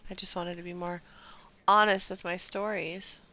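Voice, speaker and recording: With a fairly low, sharp-toned voice that barely moves in pitch, this female streamer talks at a normal speed, casually commentating her game in a chatty, playful, slangy way. The low-quality recording carries faint noise and game sounds in the background.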